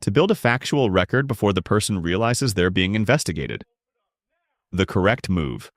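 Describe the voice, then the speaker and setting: A man giving scripted narration that explains legal rights in a measured, emphatic way. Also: deep voice, sing-song, no room sound, clean studio sound.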